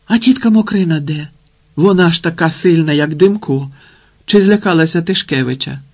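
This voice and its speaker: A man's voice: a little high, normal speed, voice pushed up. A man voicing a plucky, resourceful young shepherd boy in a storybook reading. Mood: earnest.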